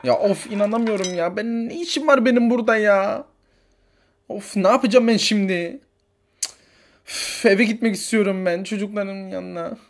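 A man's voice: high-pitched, normal speed. A man voicing a pleading accused mother. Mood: despairing. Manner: pleading, insists on innocence. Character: distraught mother accused of theft, woman. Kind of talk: toy figure story role-play.

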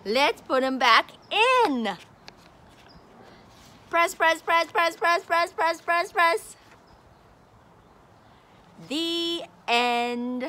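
A slow, bright-voiced woman teacher with an extremely high pitch gives a child a read-aloud lesson. Her talk is slow, simple and encouraging, recorded on a phone camera at arm's length on an outdoor patio by a brick wall.

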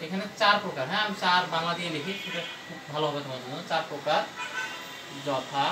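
Loud music sits behind a mid-range voice in a roomy space as an English teacher explains grammar to a class. Writing on the board, the teacher goes slowly and keeps answering their own questions.

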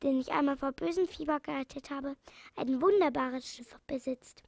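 A caring male animal doctor who talks gently and earnestly, read by a woman. The voice is high with a touch of fry. It is recorded close and dry. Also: normal speed, no room sound. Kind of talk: storybook reading.

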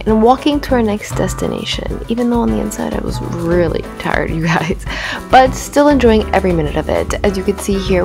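A woman's voice: mid-range voice, gravelly. Bubbly young woman from Canada vlogging. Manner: chatty and bubbly, many "like"s. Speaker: travel vlogger. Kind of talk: casual vlog talk to camera. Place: outdoors on city streets. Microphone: handheld camera talking to herself. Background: music.

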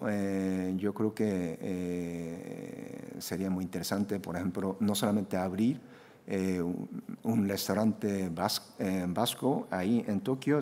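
Seated at a panel table mic in an echoey conference hall, a middle-aged Japanese man presents in accented second-language Spanish. His delivery falters, with lots of fillers and restarts, though his voice is lowish and slightly mellow.

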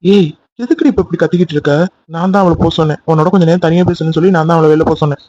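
A man's voice: a little high, fairly even intonation, rapid-fire, warm tone, highs cut off, a little hiss or hum, natural voice. A man voicing a young man in a cartoon love story, pleading insistently with his angry girlfriend. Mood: arguing. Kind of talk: cartoon voice acting.

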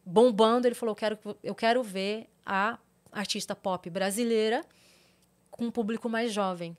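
Animated Brazilian woman telling her story. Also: medium pitch, moderate pace. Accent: Brazilian Portuguese. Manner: animated storytelling, quotes others in changing voices. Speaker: podcast guest. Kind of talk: casual podcast interview.

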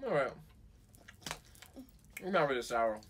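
A man's voice: mid-range voice, lively intonation, a little slow, a little hiss or hum. A man in his thirties, a father hosting a casual challenge, talks while eating sour candy with his mouth busy. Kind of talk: casual chat.

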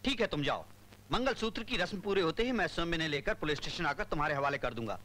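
A self-assured government minister. He speaks quickly, with a bright, crisp edge and an air of command. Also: fairly high pitch, expressive, a little hiss or hum. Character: smooth, powerful government minister. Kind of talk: Hindi film dubbing.

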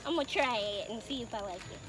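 A high-voiced young woman talks to her camera outdoors on a hot day, loud and full of slang. Her pitch jumps around as she chats, and faint background noise sits behind her. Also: fast talker. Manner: animated, slangy, talks loudly over others. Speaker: vlogger. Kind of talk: casual vlog chat. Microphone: handheld camera.

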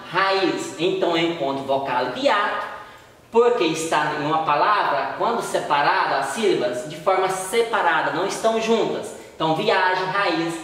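A Brazilian woman teaching a recorded primary school lesson, patiently explaining and drawing out the example words. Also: on the low side. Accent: Brazilian Portuguese. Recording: echoey room, voice far from mic.

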